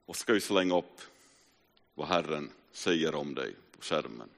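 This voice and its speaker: A man in his forties preaching a personal testimony sermon, telling his story earnestly with sudden rises and hushed drops. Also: a bass voice, lively intonation, vocal fry. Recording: reverberant hall.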